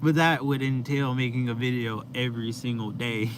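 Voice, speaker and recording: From inside his van, a young man chats with live-stream viewers in a casual, meandering style heavy with fillers. His medium-pitched voice moves little in pitch and keeps a moderate pace, with noisy vehicle ambience around him.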